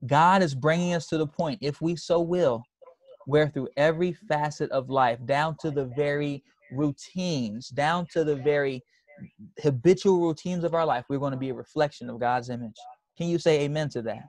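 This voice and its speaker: A man's voice: a little high, moderate pace, a little mellow, no echo. A man preaching a sermon as pastor, emphatic, repeating phrases and calling for responses from the congregation.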